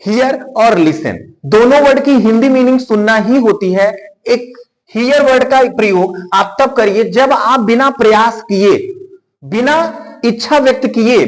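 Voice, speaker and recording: Man, English teacher, very high voice, explanatory lesson, repeats points, slow careful examples. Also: poor audio.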